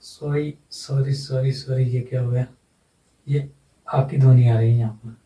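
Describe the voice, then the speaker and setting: A man teaching English phonetics, going slowly and repeating each sound several times, often checking in with a short tag question. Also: medium pitch, fairly even intonation, dark tone, echoey room, far from the mic, poor audio. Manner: ends phrases with a checking "है ना". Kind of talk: whiteboard phonetics lesson.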